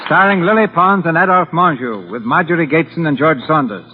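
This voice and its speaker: A man announcing on an old-time radio broadcast, giving station identification and setting the scene in a measured, polished delivery. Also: a little high, animated, background noise. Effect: old-time radio broadcast sound. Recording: thin, narrow-band old radio recording with loud music.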